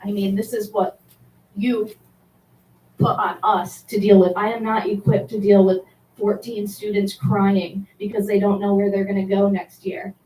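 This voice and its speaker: A woman teacher giving an impassioned public comment at a board meeting, halting and restarting as she speaks. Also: medium pitch, little pitch movement, mellow, far from the mic. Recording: roomy hall, speaker away from mic.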